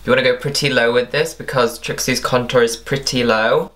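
A man's voice: medium pitch, fairly even intonation, fairly quick, fairly bright tone. A young man narrating an instructional makeup tutorial as its presenter. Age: young adult.

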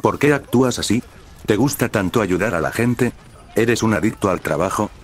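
A man's voice: fairly low pitch, expressive, moderate pace. A man reading as a distraught young woman. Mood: upset.

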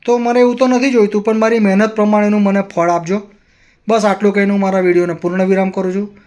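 A man's voice: sits high, level tone, fast, a little mellow. A man vlogger telling a personal story in an earnest, moralizing way.

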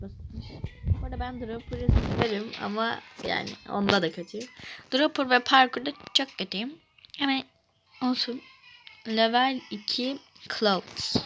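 A woman's voice: a little high, background noise. A young woman giving casual gameplay commentary, muttering to herself with exasperated sighs and sudden yelps. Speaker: gamer. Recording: background game music.

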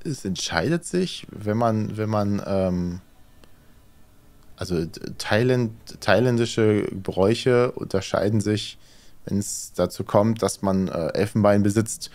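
Guy streaming a horror game, lowish voice, mumbles to himself while figuring stuff out. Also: slow pace, a little mellow. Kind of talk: casual gaming commentary, thinking aloud.

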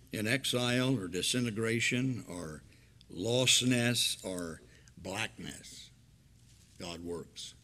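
An older man preaching a sermon from a church pulpit, swinging between loud emphatic lines and hushed, low asides. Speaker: pastor. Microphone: pulpit microphone.

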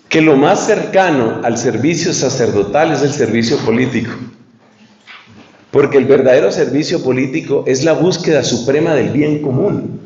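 Male priest, earnest retreat lecture, slightly high voice, roomy dull recording. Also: a little mellow. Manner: earnest, speaks straight to the audience, poses questions. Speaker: priest giving a retreat talk. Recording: echoey room, dull lo-fi sound.

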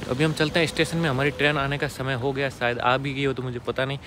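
Speaking quickly at medium pitch in a level tone, this young man from India vlogs casually to camera with a phone at arm's length on a nighttime outdoor rail platform. He chats straight to his audience, lowering to a whisper beside dozing passengers, with noise around him.

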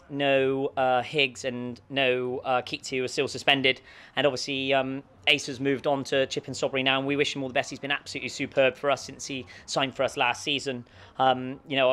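A man in his thirties, a football manager, giving a post-match interview outdoors in an empty stadium stand, talking steadily with many restarts and fillers into a handheld mic. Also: medium pitch. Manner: steady, flat delivery with frequent restarts and fillers. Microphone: handheld mic with windshield held close.

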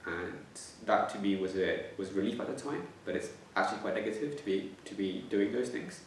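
A twenty-something man, speaking on the low side and fairly quickly, reflects on interview questions while stammering through repeated words and restarts. Slight background noise is audible. He's recorded in a plain room indoors, where the space echoes and the mic sits slightly far away.

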